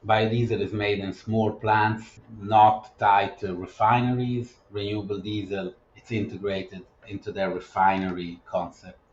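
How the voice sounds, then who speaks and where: A man who works as a business development advisor, answering interview questions in a measured, explanatory way and often restarting his sentences. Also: on the low side, a little mellow, roomy sound, highs cut off, a little hiss or hum.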